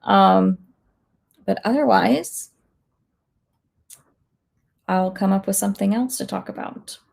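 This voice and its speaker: A woman instructor casually chatting on a livestream, a bit hoarse as she loses her voice, thinking aloud with lots of fillers. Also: mid-range voice, slow, a little mellow. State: slightly hoarse, losing her voice. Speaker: online instructor.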